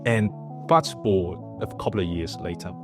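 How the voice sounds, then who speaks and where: Young man, twenties, earnest vlog storytelling, low voice, faint music behind. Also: normal speed. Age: 20s. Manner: earnest, animated storytelling with acted-out quotes. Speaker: YouTuber.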